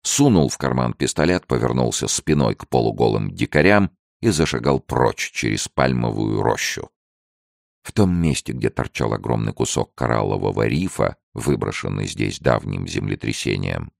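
A male narrator with an extremely deep, gravelly voice reads an adventure novel with lively rises and falls. The sound is dry and close, with no room around it. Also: no echo.

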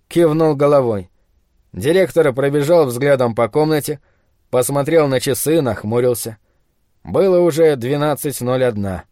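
A man's voice: mid-range voice, no room sound, studio quality. Man steadily narrating an audiobook. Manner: steady, even storytelling.

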